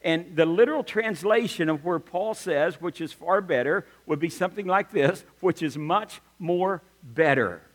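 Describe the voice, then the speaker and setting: A middle-aged man preaching a sermon as pastor, telling stories with humorous asides and lively emphasis. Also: a little high, normal speed, hardly any pauses. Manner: animated storytelling with humorous asides. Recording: long reverb of a large hall.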